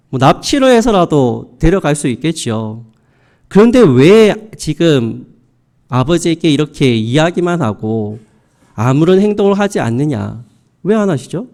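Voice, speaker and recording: A man's voice: on the high side, darkish tone. A male pastor preaching a sermon, explaining emphatically and asking rhetorical questions.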